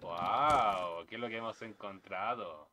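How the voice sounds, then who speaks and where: A man's voice: fairly low pitch, slow, music in the background. A man, congested, giving casual commentary as he plays a game and exclaims at the scares. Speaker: gameplay host. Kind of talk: casual let's-play commentary. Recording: loud background noise, game sounds.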